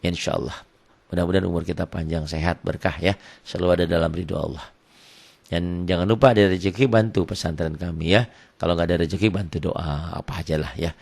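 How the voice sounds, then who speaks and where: A man teaching Quran recitation rules online, explaining plainly and then chanting verses slowly and loudly. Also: sits low, fairly even intonation, gravelly, breathy edge. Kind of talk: online tajwid lesson.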